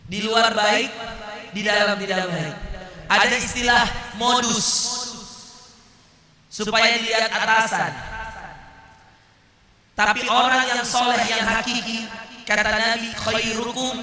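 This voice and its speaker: A male preacher from South Sulawesi giving an animated sermon, asking the audience rhetorical questions. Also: very high voice, slow, long pauses. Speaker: Islamic preacher. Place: lecture hall of a prayer gathering. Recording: echoey reverberant hall.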